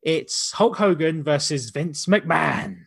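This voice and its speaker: A man with a fairly high voice hosts a casual watch-along. He talks in a loose, rambling way, circling back to rephrase his points. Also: animated, slow, vocal fry, a bit bright, slightly rough. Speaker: podcast host.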